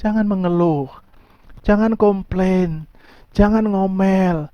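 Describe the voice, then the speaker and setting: A man preaching a sermon in a fairly high voice, pressing his points hard and then sinking to quiet low asides. The sound is dry and close, with no room around it. The recording is dull and lo-fi. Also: slow pace, no echo. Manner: emphatic, swinging between soft low asides and high pleading outbursts. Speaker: pastor.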